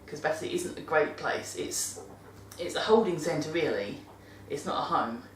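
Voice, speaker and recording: British woman, deep voice, chatty and self-correcting, distant mic, echoey room. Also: lively intonation, normal speed, a little hiss or hum. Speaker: vlogger giving dog-care tips. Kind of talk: casual monthly vlog talk. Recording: roomy sound from a distant mic.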